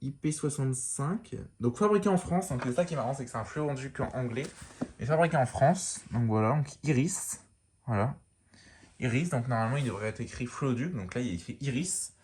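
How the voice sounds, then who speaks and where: Guy rambling on about a lamp he collects, relaxed, lots of um and restarts, bit of background hiss. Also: medium pitch, brisk. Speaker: lamp collector showing a fixture. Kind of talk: casual show-and-tell narration.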